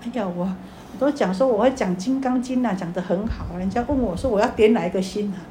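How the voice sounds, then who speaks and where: A woman's voice: medium pitch, a little fast, dark tone, a little hiss or hum, natural voice. A woman voicing a proud male monk scholar in a Buddhist story, self-important and easily thrown off. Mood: flustered.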